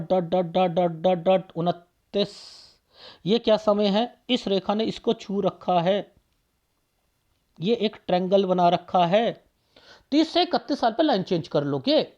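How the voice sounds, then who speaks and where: A man's voice: sits high, a little mellow, muffled recording. A man reading a palm aloud for viewers as a palmist, firing off rhetorical questions and repeating phrases for emphasis.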